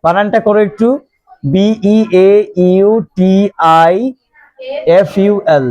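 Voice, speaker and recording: A man teaching English grammar to a classroom of students, slowly repeating questions for the class to answer. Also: high voice, fairly even intonation, dark tone, muffled recording.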